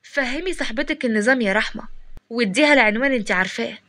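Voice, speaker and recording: A woman with an Egyptian accent voicing a stern, gruff male shop owner who is a widowed father, speaking in short commanding lines. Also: on the high side, racing, a bit bright, slight background noise, lightly acted. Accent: Egyptian Arabic. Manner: curt, commanding.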